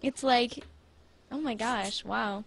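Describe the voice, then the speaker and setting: A woman's voice: a little high, slow pace, creaky, a crowd in the background. A young woman chatting casually with her father, asking him eager questions. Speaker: daughter of the host. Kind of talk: casual chat.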